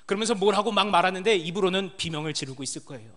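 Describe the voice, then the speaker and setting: A man in his thirties, a pastor preaching a sermon as a story, his voice falling low and quiet at the ends of sentences. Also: lively intonation, racing.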